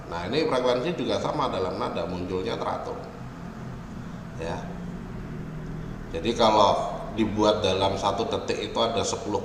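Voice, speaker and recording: A man giving an online lecture on music software, explaining slowly and often ending phrases with a checking "ya". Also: fairly low pitch. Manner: explains slowly, with frequent "ya" tags. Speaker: university lecturer. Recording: echoey, reverberant room, faint ambient noise.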